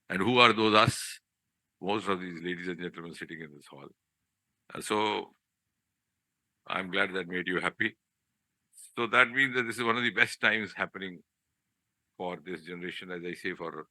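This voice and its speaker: Older male, Indian accent, chief guest at a podium speech: low, sharply forceful voice, discursive and halting delivery. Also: dry recording, rough recording. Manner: discursive, halting, with rhetorical questions. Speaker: chief guest speaker, public official. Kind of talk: podium speech to trainees in a hall. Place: auditorium hall, live address.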